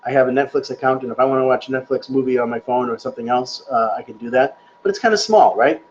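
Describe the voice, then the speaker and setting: A man's voice: mid-range voice, fast, highs cut off, a little hiss or hum. A man presenting on a live stream, answering viewer questions in a chatty, rambling way and laughing at himself. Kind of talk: casual live Q&A. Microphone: webcam or laptop mic on a live stream.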